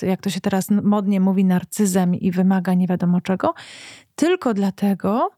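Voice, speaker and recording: Woman, mellow dry voice, calm reflective educational speaker who questions her listeners. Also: fairly high pitch, dry recording. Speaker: psychology speaker.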